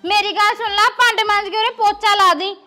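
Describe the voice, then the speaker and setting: Nagging bedridden wife, very high bright voice woman plays it; faint music bed. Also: steady tone, fairly quick. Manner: nagging, bossy, teasing. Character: bossy bedridden village wife, lazy and sharp-tongued. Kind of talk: rustic comedy sketch acting.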